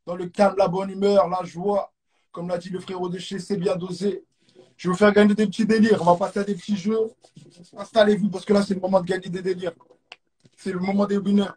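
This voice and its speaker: A man's voice: sits high, flat delivery, fairly quick, darkish tone, husky. A man with a French accent hosting a live stream quiz, hyped, repeating catchphrases and throwing in English exclamations. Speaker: host of a live stream show. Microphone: phone or webcam on a live stream.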